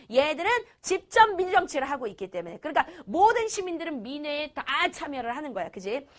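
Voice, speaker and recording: A young woman teaching an online lesson to students, playful, asking questions and answering them herself. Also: sits high. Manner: lively, playful, asks and answers own questions.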